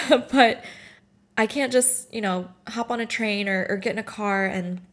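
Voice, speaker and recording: A woman in her late twenties from Morocco speaks through tears, worn out and emotional. She pauses and restarts often as she works through a personal reflection. At times she reads her own writing aloud. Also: medium pitch, fairly bright tone. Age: 20s. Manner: halting and emotional, with frequent restarts. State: tearful and tired.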